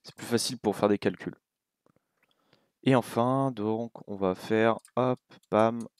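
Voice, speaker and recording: A young man with a French accent giving a relaxed, casual coding tutorial at his computer, thinking aloud with many fillers and asides. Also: on the low side, slow pace, smooth, no room sound. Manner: relaxed, talks while clicking, many fillers and little asides. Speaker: game development tutor.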